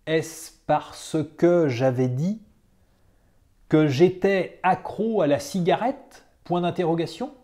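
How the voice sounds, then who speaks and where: A teacher giving a dictation at an extremely slow pace, with every phrase said several times over and the punctuation marks spoken aloud. The voice is dark and mellow, with a middle pitch. The delivery stays measured and deliberate throughout.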